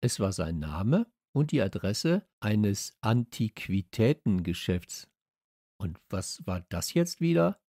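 Expressive male audiobook narrator. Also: lowish voice, takes it slowly, no echo, studio quality. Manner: expressive storytelling. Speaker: audiobook reader. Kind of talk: scripted first-person narration. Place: studio.

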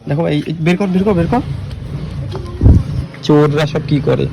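A man's voice: fairly high pitch, normal speed, gravelly, background noise. A young man from West Bengal, chatty and playful, vlogging on a handheld phone at a lakeside park. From West Bengal, India. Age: young adult. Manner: chatty, addresses viewers as brother, playful. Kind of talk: casual vlog narration. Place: outdoor park by a lake, street.

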